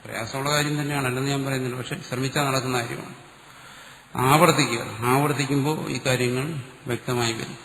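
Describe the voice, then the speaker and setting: A man's voice: mid-range voice, fairly even intonation, fairly quick, fairly bright tone. A man giving a spiritual discourse to a class as a swami, wry and teasing, repeating key words for emphasis. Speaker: swami teaching scripture. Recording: roomy hall echo with faint ambience.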